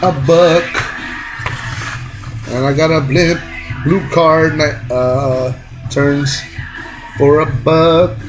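A man with a Texan accent, a toy car collector, talking casually and excitedly to himself as he shows off his finds, with music playing behind him. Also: fairly high pitch, slow, pauses often, poor audio. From Texas. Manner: excited, rambling, talks to himself while handling toys. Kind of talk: casual unboxing vlog.

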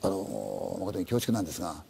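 A man voicing a hesitant, overly polite male police officer, speaking in a halting, hushed way. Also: sits low, big pitch swings, creaky, slightly rough, voice pushed down, heavily acted. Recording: long hall reverb.

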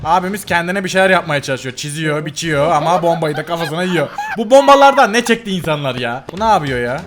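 A man's voice: on the high side, lively intonation, quick pace, over music. A man commenting casually on funny game clips as the channel host. He laughs often, exclaims and repeats himself. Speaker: gaming video host.

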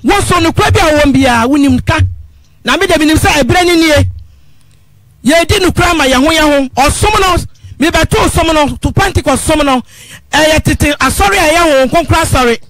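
A woman's voice: sits high, moderate pace, no room sound. A woman calling in to a radio talk show, pleading and insistent as she keeps appealing to the host. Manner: pleading, insistent, repeatedly addresses the host as father. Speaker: radio call-in caller. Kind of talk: impassioned phone-in complaint.

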